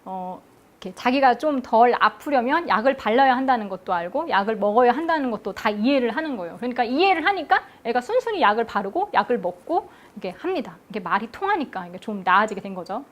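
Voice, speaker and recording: During an afternoon church sermon, a woman speaks fast in a slightly high voice. She asks the congregation questions, then answers them herself with a steady "yes."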